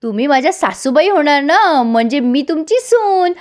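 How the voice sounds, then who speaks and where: A woman voicing a cheeky young bride candidate who talks slowly, teasingly and playfully. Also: high-pitched, lively intonation, pitched above the performer's own voice.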